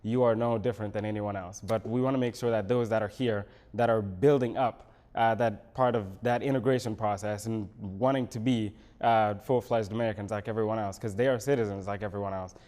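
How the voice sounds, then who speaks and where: A Senegalese man running for city council takes questions in a local TV studio, his replies measured and punctuated by pauses. He has a lowish, steady voice that's a little mellow.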